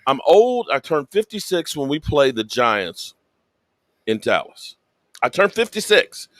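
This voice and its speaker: A man's voice: a little high, very animated, a little slow, a bit bright, no echo. A man in his fifties, a guest on a casual stream, cursing and blustering and stammering through restarts. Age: 50s.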